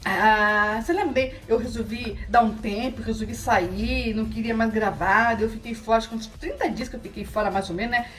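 A woman's voice: on the high side, fairly quick, few pauses, fairly bright tone, faint music behind. A woman vlogger telling a comic story, rambling and repetitive, stacking little filler tags between every phrase. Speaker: comedic vlogger.

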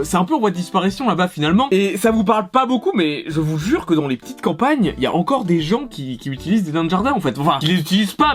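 A young man doing casual reaction commentary, excitable and swearing often, with frequent laughs. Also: sits high. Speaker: video creator.

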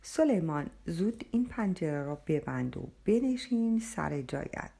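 A fatherly tavern keeper from a storybook , read by a woman, soothing a touchy customer while gently scolding him. The voice is husky and gravelly. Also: fairly low pitch, very animated, pitched below the performer's own voice, full character voice. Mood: worried. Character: worried tavern keeper, a fatherly older man.

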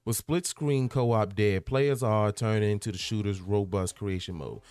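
Rambling low-voiced man hosting a podcast. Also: measured pace, darkish tone, clean tone, no echo, faint music behind. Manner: rambling and self-interrupting, stumbles over words. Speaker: podcast host. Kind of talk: casual gaming podcast talk, reading out a news article.

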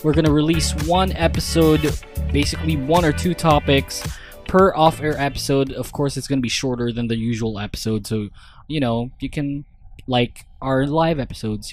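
A man hosting a podcast, rambling and swearing freely in casual chat. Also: mid-range voice. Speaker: podcast host.

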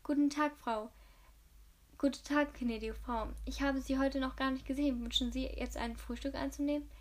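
A woman's voice: high voice, fairly even intonation, moderate pace, natural voice. A woman doing a deferential old housekeeper. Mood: dutiful. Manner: deferential, polite. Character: devoted older female housekeeper, dutiful.

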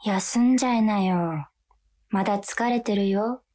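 In a Japanese radio drama, a woman plays a cute, seductive demon of the May blues, sweetly and languidly coaxing someone into laziness. Her mid-range voice is warm and natural, a little slow.

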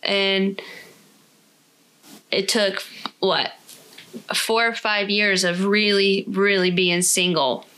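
Bright-voiced young woman, frank and chatty. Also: mid-range voice, steady tone, slow pace, pauses often, slight background noise. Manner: frank and chatty, swears freely. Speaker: podcast co-host. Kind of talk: casual candid chat.

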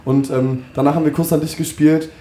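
A man's voice: on the high side, flat delivery, fast talker, warm tone, reverberant. A young man telling a rambling, slangy story in a casual podcast chat from a backstage dressing room. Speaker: podcast co-host.

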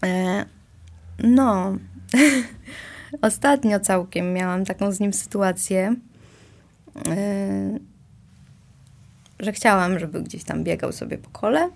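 A woman's voice: medium pitch, takes it slowly, vocal fry, long pauses. A woman in casual conversation, talking reflectively and self-mockingly, with many hesitations and small laughs.

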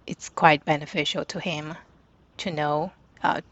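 Very low-voiced woman speaking haltingly. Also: fairly even intonation, a bit bright, dry recording. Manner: halting, many "uh" and "um", non-native grammar. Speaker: panel guest, parent. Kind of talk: casual discussion. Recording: dry, dull lo-fi recording.

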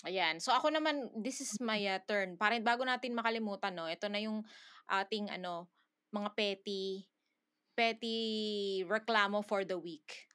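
A woman's voice: medium pitch, moderate pace, a bit bright, clear, resonant tone. A woman co-hosting a casual podcast chat, ranting bluntly and sarcastically with laughs and swearing. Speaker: podcast co-host.

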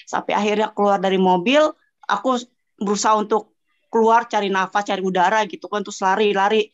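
A woman's voice: medium pitch, fairly quick. A woman guest telling her own story in casual chat, acting out what she cried and heard along the way. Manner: animated, acts out her own cries and sounds. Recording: dull lo-fi voice message.

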